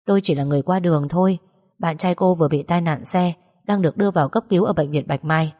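A woman voicing a man passing by who speaks quickly and urgently, in an audiobook story. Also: fairly low pitch, warm tone, close to an everyday voice. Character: male passerby, hurried and urgent. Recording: long reverb.

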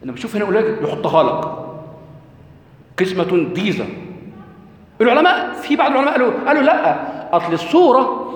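A man's voice: high-pitched, fast, pauses often. Egyptian guy lecturing, keeps quizzing the room, really roomy echo. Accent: Egyptian Arabic. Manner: questions the audience and answers himself, animated. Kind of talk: religious lecture. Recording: echoey hall recording.

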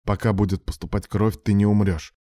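A man's voice: fairly low pitch, level tone, a little fast, mellow, dry recording, clean studio sound, lightly acted. A man voicing a commanding surgeon under pressure. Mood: urgent, firm.

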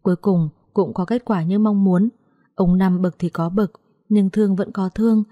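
A woman narrating a story in a steady, expressive reading. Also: medium pitch, normal speed, no echo, phone-quality sound.

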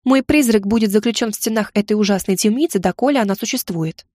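A woman's voice: mid-range voice, fast, a little mellow, dry recording, studio quality, natural voice. A woman reader voicing a proud young witch heroine who talks in a sarcastic, snappy way, in an audiobook.

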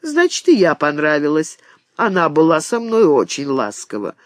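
A man voicing a sharp-tongued, scornful young bride who speaks in a mocking, self-assured way. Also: a little high, huge pitch swings, normal speed, dry recording, studio quality.

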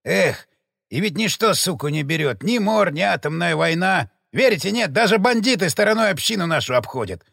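A surly bearded old innkeeper, as a male narrator puts him on, growling and cursing in loud, gruff bursts. The reading sounds dry and close. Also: sits high, expressive, moderate pace, no room sound, heavily acted. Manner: gruff, snapping and swearing.

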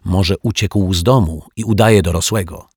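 A man voicing an earnest young boy who explains things in a low, hushed voice. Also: moderate pace, breathy edge, no room sound, clean studio sound. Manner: explaining, whispering.

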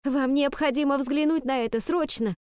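A woman's voice: sits high, moderate pace, a little mellow, no room sound, studio quality, pitched above the performer's own voice, natural voice. A woman voicing a bold, impatient schoolgirl who talks in an insistent, breathless way. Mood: urgent.

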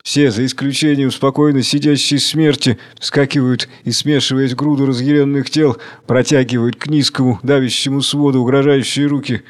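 A man reading the stage directions of a play in a measured, even way. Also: medium pitch. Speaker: reader.

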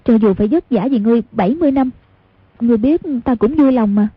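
A woman doing a husky, gentle young heroine. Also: a little high, fast, dry recording. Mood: tender. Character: clever young heroine, tender and quick-witted. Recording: tinny lo-fi audiobook recording.

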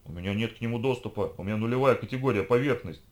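A man reading an audiobook, voicing a panicky, spoiled young man with a shrill, whiny voice. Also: rapid-fire, lightly acted. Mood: protesting.

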